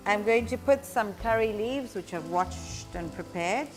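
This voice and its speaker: A woman presenting a cooking demonstration, explaining each step instructively with frequent pauses. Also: medium pitch, lively intonation, faint music behind.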